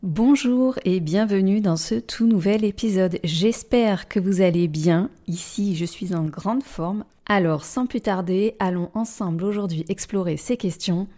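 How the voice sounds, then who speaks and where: A woman coach hosting a calm self-help podcast, speaking in a gentle, measured way. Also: medium pitch. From France. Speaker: life coach and podcast host.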